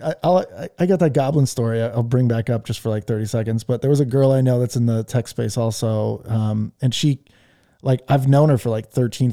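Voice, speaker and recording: With a warm, mid-range voice, a man hosts a podcast in a live audio room. His casual storytelling wanders and is heavy on fillers.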